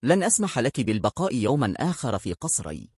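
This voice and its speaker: A proud, quick-tempered king barks his orders in a stern, commanding voice, as a man reads him aloud. The tone is husky and the pitch swings widely. The sound is dry and close. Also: wildly swooping pitch, darkish tone, no echo. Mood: angry.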